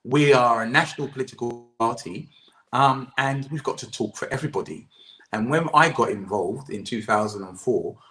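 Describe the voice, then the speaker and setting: The chair of a political campaign group answers interview questions earnestly over a video call, often restarting sentences and trailing off with "et cetera." His voice is medium-pitched and a bit bright, at a normal speed, on a rough recording.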